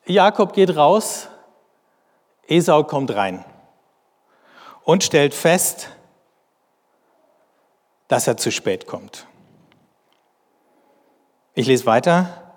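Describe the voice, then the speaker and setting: A man reads scripture slowly and deliberately, then explains it in measured commentary. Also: on the high side, big pitch swings. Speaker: bible teacher. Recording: long hall reverb.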